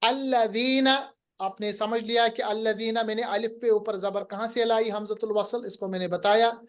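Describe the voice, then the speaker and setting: A woman's voice: mid-range voice, level tone, moderate pace. A woman teaching Quran recitation rules step by step, patiently explaining and quizzing her students.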